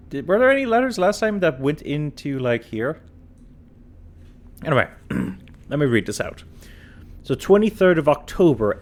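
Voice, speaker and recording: A tired man streaming a puzzle game, talking casually and thinking aloud as he works through it. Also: medium pitch. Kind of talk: casual let's-play commentary.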